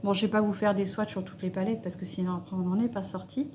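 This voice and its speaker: A woman's voice: medium pitch, fairly even intonation, fast, noisy background. A woman vlogger chatting casually and hesitantly about makeup palettes, swatching them on her hand while she talks. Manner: chatty, hesitant, with many fillers. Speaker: beauty vlogger. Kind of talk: casual makeup review chat.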